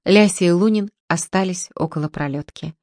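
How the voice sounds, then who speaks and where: Female audiobook narrator, low-pitched, steady, dry close sound. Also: normal speed, no room sound. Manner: calm, steady literary reading.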